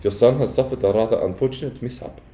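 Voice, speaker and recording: A man's voice: medium pitch, fast, warm tone, voice pushed up, lightly acted. An old storybook grandmother, played by a man, kindly yet bristling. She speaks politely and insistently in a raised voice, with noticeable room echo. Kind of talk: children's storybook character voice. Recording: echoey room.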